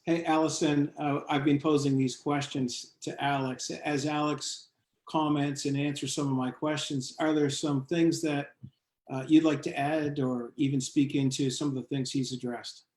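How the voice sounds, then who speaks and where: A man's voice: on the high side, little pitch movement, normal speed, darkish tone. A man hosting a panel discussion who puts questions to each guest in turn. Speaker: host. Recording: roomy echo.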